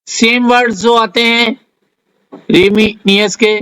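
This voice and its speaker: A man with an Indian accent, teaching a vocabulary lesson, dictating word lists slowly and carefully. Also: very high voice, level tone, a bit bright, clear, resonant tone, rough recording. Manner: dictates word lists slowly, spells out English example sentences. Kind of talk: slow, deliberate vocabulary lesson.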